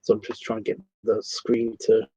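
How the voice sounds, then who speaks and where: A man's voice: lowish voice, completely flat delivery, moderate pace, mellow, breathy edge, no room sound. A man with a Scottish accent hosting a casual livestream art tutorial from his computer, rambling, correcting himself and swearing casually. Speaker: art class host. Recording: dry, slightly muffled lo-fi sound.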